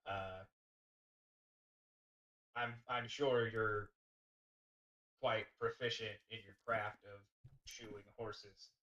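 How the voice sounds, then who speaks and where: A prim, formal knight who talks stiffly and fusses over honor and manners, played by a man. His voice sits a little low. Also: level tone, drawn-out words, long pauses, fairly bright tone, recorded from a distance, highs cut off. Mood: haughty.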